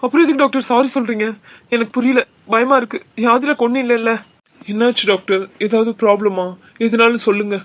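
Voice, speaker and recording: A man's voice: very high voice, steady tone, quick pace, a bit bright. A man voicing a grieving young husband in a cartoon, speaking in an emotional, pleading way. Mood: distraught. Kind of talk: cartoon dubbing.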